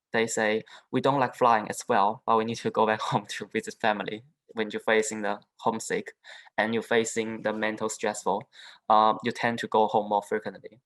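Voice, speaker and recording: A young man from southern China, a native Chinese speaker, giving a halting panel talk as an international student, with frequent restarts and fillers. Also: lowish voice, a bit bright, rough recording. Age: young adult. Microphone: video call.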